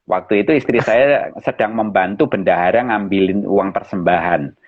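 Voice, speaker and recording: A man, a pastor, telling a personal story in an animated way during a live interview. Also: fairly low pitch, normal speed. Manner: animated storyteller, addresses listeners as brothers and sisters. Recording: dull lo-fi live-stream audio.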